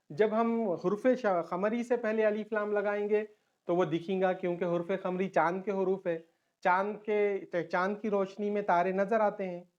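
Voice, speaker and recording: A man's voice: high voice, a little mellow, dull audio. A man teaching an online lesson. He explains patiently, repeats terms and mixes in English.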